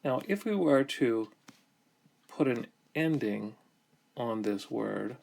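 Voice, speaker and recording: Slow, gravelly-voiced male language teacher. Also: mid-range voice, animated, a little mellow. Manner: slow, deliberate, pausing between phrases. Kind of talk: explanatory grammar lesson.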